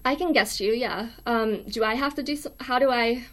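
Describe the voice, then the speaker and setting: A woman's voice: fairly high pitch, moderate pace, fairly bright tone. A young adult woman from the United States with a weak, thin voice, hosting a casual livestream in a hesitant, apologetic way. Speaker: live stream host. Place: small dorm room.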